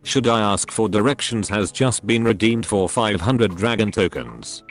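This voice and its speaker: A robotic, metallic male text-to-speech voice announcing a stream alert in a flat, announcing manner. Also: on the low side, a little slow, soft background music.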